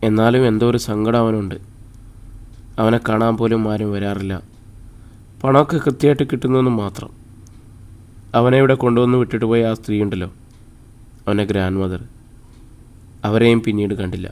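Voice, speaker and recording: A man's voice: lowish voice, fairly even intonation, moderate pace, pauses often, a little mellow, smooth, close to an everyday voice. A man voicing a kindly middle-aged nun who runs an orphanage, polite, concerned and matter-of-fact.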